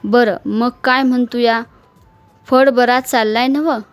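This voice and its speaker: A woman's voice: a little high, fairly even intonation, slow pace, smooth, no room sound. A woman voicing a wry male market clerk. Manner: questioning, rustic village speech. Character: shrewd middle-aged male market clerk, probing and wry.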